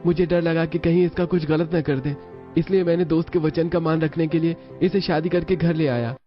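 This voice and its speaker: A young adult man with a fairly high, natural voice plays an earnest, dutiful, newly married son explaining himself in a Hindi cartoon family story. He sounds earnest and apologetic, speaking at normal speed with fairly even intonation. The audio is dull and lo-fi over music.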